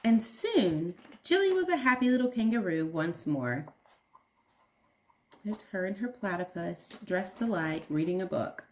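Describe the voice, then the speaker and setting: A woman with a rather low, very animated voice reads aloud to young children, explaining things simply and asking them questions along the way. She speaks a little slowly, and the recording has a little hiss or hum.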